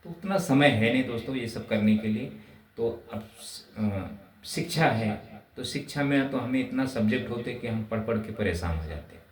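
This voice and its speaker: A man gives a spoken music lesson and explains each point with patient care, often turning to his viewers as friends. His voice sits at an ordinary middle pitch. He sounds a bit far from the mic in a roomy, echoing space with a faint hum of ambience behind him. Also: animated, normal speed. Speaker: music teacher.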